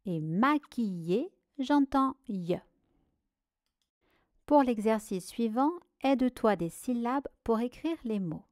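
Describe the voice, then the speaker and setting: Woman teacher reading syllables out for kids, super slow, dry close mic. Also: fairly high pitch, expressive, darkish tone, no echo. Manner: slow, carefully articulated syllables. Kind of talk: slow dictation of a reading exercise for children.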